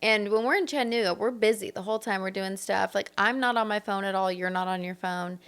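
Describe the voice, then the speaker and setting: A woman's voice: medium pitch, fast, fairly bright tone, clean tone. A young woman co-hosting a podcast, chatting casually and giving dating advice, often saying "like" and "you know". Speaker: podcast co-host. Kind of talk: casual chat.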